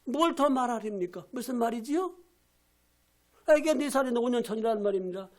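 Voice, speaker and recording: An older man, a pastor emeritus, preaching a Sunday sermon with emphatic repetition, rhetorical questions and shouted quotes. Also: very high-pitched, lively intonation, a little fast. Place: church sanctuary.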